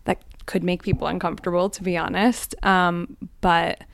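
A woman on the hot seat at a live event, telling personal stories in a candid, reflective way with frequent soft ums. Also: fairly low pitch, little pitch movement, moderate pace, gravelly, a little hiss or hum. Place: live event before a small audience.

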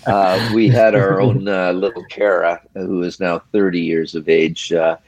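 An older man, a retired hockey referee, telling stories from his career in a casual interview, measured and reflective, in short pausing phrases. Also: deep voice, flat delivery, a little mellow, no echo.

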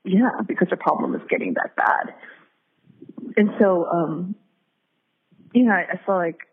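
Over tinny, phone-like audio, a middle-aged American woman from San Diego, a community activist appearing as an interview guest, tells her story candidly and reflectively, often circling back to rephrase. She sounds husky and fairly low-pitched, speaking at a measured pace.

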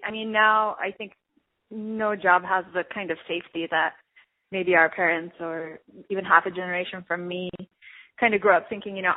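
A woman from Turkey talks through her answers in a reflective, unhurried interview voice, pausing on fillers and laughing lightly between thoughts. Her pitch sits mid-range for a woman. The sound is squeezed and narrow, much like a phone line. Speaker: artist and guest.

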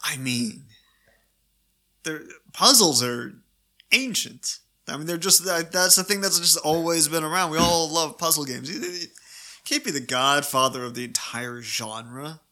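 Bright-voiced teasing podcast man. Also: on the high side, big pitch swings. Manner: teasing, quick to laugh. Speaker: podcast co-host. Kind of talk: casual podcast chat.

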